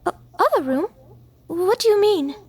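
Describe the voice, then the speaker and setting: A woman's voice: extremely high pitch, lively intonation, moderate pace, over a noisy crowd. A woman voicing a prim, dramatic posh unicorn mare in a fan game dub, with refined theatrical diction. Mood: refined worry. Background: music.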